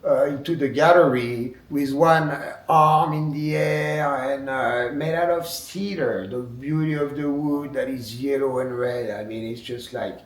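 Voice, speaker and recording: A Frenchman whose first language is French speaks English with a French accent in a medium-pitched, somewhat dark voice. As a wood sculptor interviewed for a documentary, he is hesitant, full of fillers and restarts, and the distant mic picks up an echoey room.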